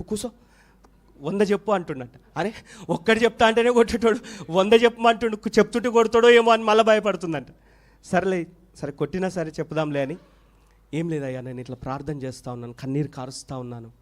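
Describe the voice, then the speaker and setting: Man telling a family testimony. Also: on the high side. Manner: storytelling, acting out family dialogue with rising and falling emphasis. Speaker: preacher giving testimony. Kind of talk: personal testimony sermon.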